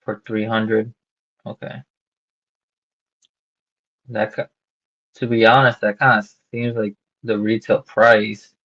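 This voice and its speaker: A man cold-calling a homeowner about buying her house, talking casually and haltingly with lots of fillers and restarts, heard over a phone line. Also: lowish voice, little pitch movement, a bit bright. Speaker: real estate wholesaler cold-calling a seller. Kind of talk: casual sales phone call. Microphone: phone call. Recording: dull lo-fi call recording.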